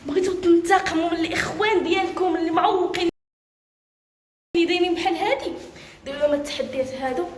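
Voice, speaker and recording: Young woman vlogger with a Moroccan Arabic accent, very high and bossy, giggling tease, faint hiss behind. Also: rapid-fire, roomy sound. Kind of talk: casual vlog banter.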